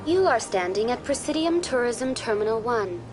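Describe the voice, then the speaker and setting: A woman voicing a smooth, polite female virtual-intelligence tour guide in a video game, calm, formal and too smooth, like an android. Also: on the high side, moderate pace, lightly acted. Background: music.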